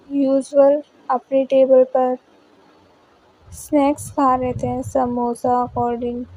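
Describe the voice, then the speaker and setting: Slow, high-voiced woman storyteller. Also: dark tone, low-quality recording. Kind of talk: scripted story narration.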